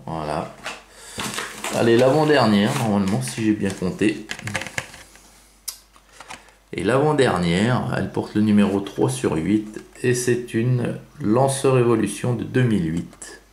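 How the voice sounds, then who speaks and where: A man's voice: on the low side, expressive, measured pace, long pauses, a little mellow, echoey room, slight background noise. A man giving casual unboxing commentary on toy cars, chatty, with many fillers and self-corrections.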